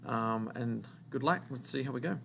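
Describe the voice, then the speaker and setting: An Australian man, a school teacher, reading a spelling test passage aloud to children in deliberate phrases with pauses. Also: mid-range voice, vocal fry, a bit bright, slight background noise.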